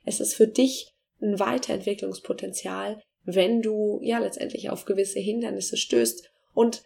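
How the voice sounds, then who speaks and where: A woman giving self-help coaching tips step by step, speaking straight to the listener and often pausing on fillers. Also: mid-range voice, fairly even intonation, gravelly, mellow, slight background noise. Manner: explains in steps, addresses the listener directly; filler-heavy, frequent restarts.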